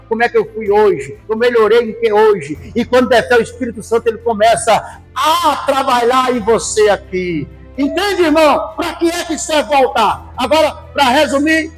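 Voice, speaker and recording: A man in his fifties from Brazil giving a sermon testimony, folksy and impassioned, swinging from loud to hushed. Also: high-pitched. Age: 50s.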